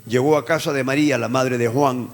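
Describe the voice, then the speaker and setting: A man's voice: medium pitch, steady tone, fairly quick. A male pastor from Peru preaching a sermon with passion, repeating key words for emphasis. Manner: impassioned preaching with repeated phrases. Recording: church hall reverb with faint music.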